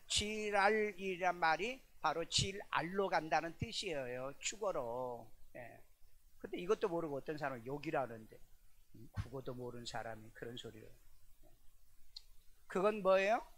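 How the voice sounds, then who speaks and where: A middle-aged man preaching a sermon, firing rhetorical questions at his congregation and pushing some lines out loudly. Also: on the high side. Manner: rhetorical questions to the congregation, animated bursts of loudness. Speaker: pastor. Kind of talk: sermon with call-and-response questions.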